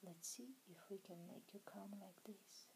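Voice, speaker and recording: A woman's voice: mid-range voice, a little slow, gravelly, background noise. Woman whispering as a seductive commanding man. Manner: soft, whispered. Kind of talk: whispered role-play.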